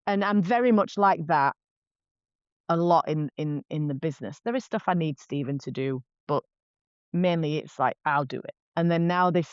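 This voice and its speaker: This woman in her 40s is a face painter appearing as a podcast guest, chatting candidly and frankly with lots of restarts in casual conversation. Her voice is low-pitched and clean at a moderate pace with no echo, captured in dull, dry lo-fi podcast audio.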